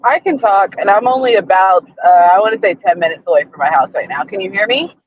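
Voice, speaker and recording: Man, high voice, tinny like a tin can, calling from a car, dull lo-fi call audio, playful. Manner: lively, playful, quick reactions. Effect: tinny, boxed-in sound like inside a tin can. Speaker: co-host calling in. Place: in a moving car. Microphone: remote call audio.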